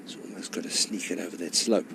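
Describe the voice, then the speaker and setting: A man with a low voice commentates on live golf in a measured, informative way. Noticeable outdoor ambience runs behind his words, as on a course broadcast. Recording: clear background noise, outdoor course ambience.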